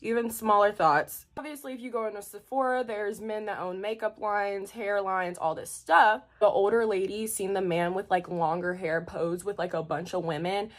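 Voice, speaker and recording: A woman's voice: medium pitch, normal speed, few pauses. A young woman in her twenties, a beauty retail worker, chatting through work stories while doing her makeup, acting out the people she quotes. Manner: chatty, animated retelling with voiced quotes.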